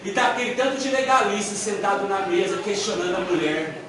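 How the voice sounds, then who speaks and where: High-pitched preacher in an echoey church. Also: male voice, fairly quick, crowd noise. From Brazil. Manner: animated storytelling preacher, acting out biblical voices. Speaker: missionary preacher. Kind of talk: sermon. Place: church hall. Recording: echoey church hall, mic far off, audible noise.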